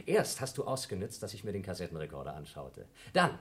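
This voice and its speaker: An actor in a radio play playing a paranoid scientist who coldly accuses his crewmate and then rises to shouts. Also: deep voice, big pitch swings, a little fast. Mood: cold accusing. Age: younger than Mills. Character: Blob, paranoid scientist man feuding with crewmate. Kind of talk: German radio play acting.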